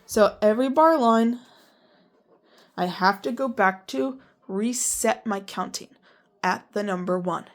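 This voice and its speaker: A woman music teacher with a congested voice explains rhythm reading, counting beats aloud in strict, even syllables and getting chatty and self-deprecating between counts. Her voice is medium-pitched and her pace a little slow.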